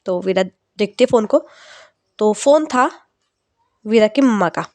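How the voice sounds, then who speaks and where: A woman's voice: mid-range voice, lively intonation, unhurried, a little mellow, no room sound. A woman narrating a story casually, with frequent fillers. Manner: conversational, repetitive fillers like ठीक है.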